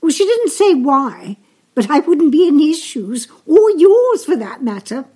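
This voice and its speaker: A woman's voice: high-pitched, big pitch swings, measured pace, mellow. An actress playing a grown daughter leaving her father a chatty warning in a voicemail played over a phone. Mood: breezy. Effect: voicemail message played over a phone.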